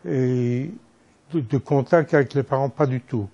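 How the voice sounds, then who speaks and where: An older man slowly recalls wartime separation from his family. His tone is mellow and subdued. He halts and restarts as he remembers. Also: medium pitch, lo-fi sound. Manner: slow, halting. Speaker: interviewee, former hidden child. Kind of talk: recalled testimony.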